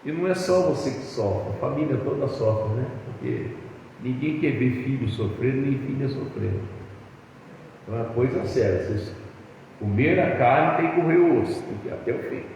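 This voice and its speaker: A man's voice: mid-range voice, expressive, moderate pace, darkish tone, slight background noise. A man preaching a sermon as pastor, telling folksy stories about married life and calling listeners brother. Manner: folksy storytelling, acting out couples' dialogue; addresses congregation as "irmão". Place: church hall. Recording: echoey hall, distant mic, dull sound.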